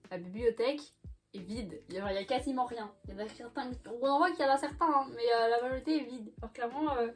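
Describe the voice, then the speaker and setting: A young woman vlogger chatting casually about her books from the floor, laughing often and filling pauses with little hesitations. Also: on the high side. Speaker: book vlogger. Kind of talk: casual chat. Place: bedroom floor by a bookcase.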